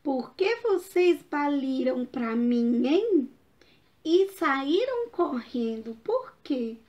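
Brief: woman doing a lonely little boy puppy in a children's story, high and tearful, slow and mellow. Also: expressive, exaggerated voice. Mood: earnest. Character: sad lonely little male puppy, easily discouraged. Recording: dull lo-fi recording.

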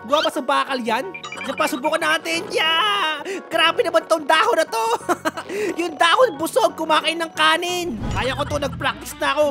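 A woman's voice: high voice, normal speed, creaky, music in the background. A woman hosting her own gaming channel, giving playful, teasing commentary over gameplay and giggling often. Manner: teasing, giggly, self-mocking.

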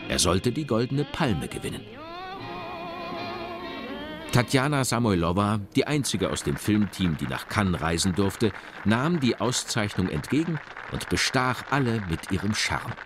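A man reading scripted documentary narration in a measured, expressive way. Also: on the low side. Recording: narration over loud music.

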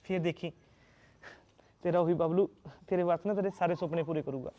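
A man plays a devoted young husband out of work, speaking with a Punjabi accent in a soft, pleading, reassuring way. His voice sits a little high but sounds mellow and dark. The recording is slightly muffled and dull. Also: fairly even intonation, fairly quick, natural voice. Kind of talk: Punjabi short-film acting.

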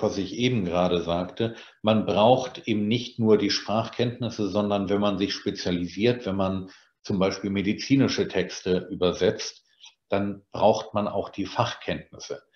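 A middle-aged man, bilingual in German and English after growing up in Germany and England, gives an online lecture from his home study as a translator. His fairly low, slightly mellow voice moves at a measured pace, explaining slide points with frequent "äh" fillers. The webcam on the video call yields a roomy, dull, lo-fi sound.

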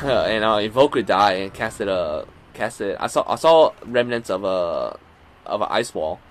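Excitable male esports caster. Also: fairly low pitch, a little slow, slight background noise. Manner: excitable, rising when action breaks out. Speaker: game commentator. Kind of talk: casual esports play-by-play.

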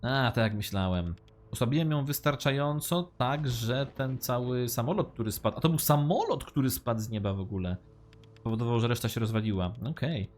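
A man's voice: mid-range voice, fairly quick, a little hiss or hum. A man giving casual, joking commentary while playing a game, reading its lines aloud. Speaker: let's-play gamer.

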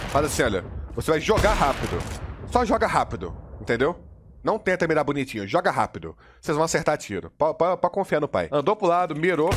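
A man's voice: a little high, background noise. A man with a Brazilian Portuguese accent coaching a video game while playing, slangy and casual, drilling the same steps over and over. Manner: slangy and casual, demonstrating while talking, keeps saying "look" and "you know"; direct, repetitive drilling of steps. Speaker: competitive gaming coach. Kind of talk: live gameplay tutorial. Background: faint in-game gunfire and mouse clicks.

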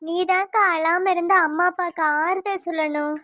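A woman puts on a gentle younger sister for a family cartoon. Her very high voice coaxes and reassures, recorded close and dry. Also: steady tone, moderate pace, dry recording. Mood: comforting. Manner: soft coaxing reassurance.

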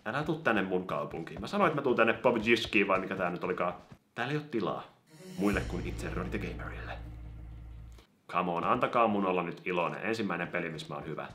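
A man doing casual gameplay commentary on a mobile game, excitable and given to sudden yelps when startled. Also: deep voice, a little hiss or hum. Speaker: gaming YouTuber.

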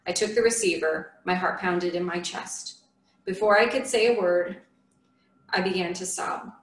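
A woman's voice: on the low side, moderate pace. Woman reading a memoir in a church. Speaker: memoir reader. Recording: echoey room from a distant mic.

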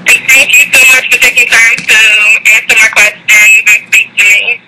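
A woman's voice: a little high, steady tone, moderate pace. A woman calling in on speakerphone, an eager, gushing fan asking a guest her question. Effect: heard over a speakerphone line. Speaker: caller. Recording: loud noisy phone line.

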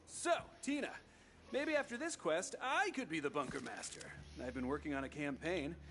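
A man's voice: on the high side, lively intonation, moderate pace, heavy background noise. A man playing an eager, upbeat young adventurer companion bantering in a video game. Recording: loud game music behind.

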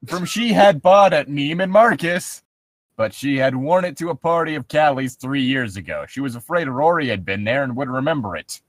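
A man casually bantering and reading a story aloud, sardonic and quick to swear. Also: medium pitch, expressive, no echo.

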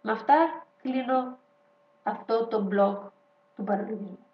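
A woman's voice: fairly high pitch, far from the mic. A woman ranting sarcastically and with exasperation in a webcam vlog. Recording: roomy muffled webcam audio.

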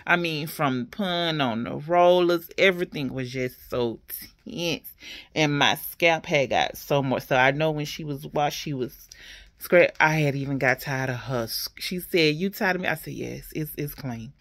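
A woman's voice: sits low, measured pace, no room sound, clean studio sound. A woman, chatting casually to her viewers, laughing often as she talks. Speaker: vlogger, single mother. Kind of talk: casual chat to camera.

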